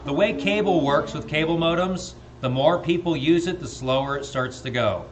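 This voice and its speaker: Male auctioneer on a live stream; steady repeated bid chant, friendly asides, light noise underneath. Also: fairly high pitch, moderate pace.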